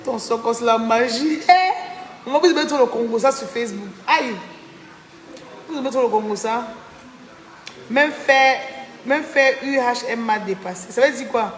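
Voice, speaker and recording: On a casual live stream, a weary woman with a high-leaning voice talks at a moderate pace, pausing often. She thanks viewers by name and vents with indignation about a falling-out, her voice reverberating as if in a large hall.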